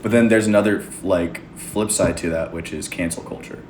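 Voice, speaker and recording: A young American podcast host rambles casually and shares strong opinions in conversation. His voice is low, brisk, and slightly mellow. The room sounds echoey, with a faint noise.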